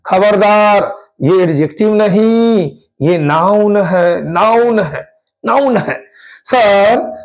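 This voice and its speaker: Man, grammar teacher, high voice, unhurried delivery, animated questioning, spells endings letter by letter. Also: poor audio. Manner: animated, drills students with quick questions and repetition. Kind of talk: exam-prep grammar lesson.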